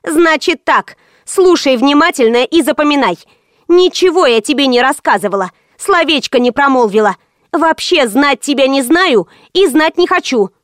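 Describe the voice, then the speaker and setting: Lady reader doing a gossipy hairdresser woman, mouthy and quick, higher pitched. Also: lively intonation, no echo, clean studio sound. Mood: scornful. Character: brash gossipy female hairdresser, sharp-tongued.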